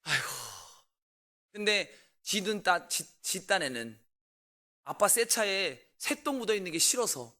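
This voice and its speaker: Man, pastor, 40s, storytelling sermon, somewhat high voice, questions to the congregation. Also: measured pace. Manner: animated, swings between loud outbursts and quiet asides.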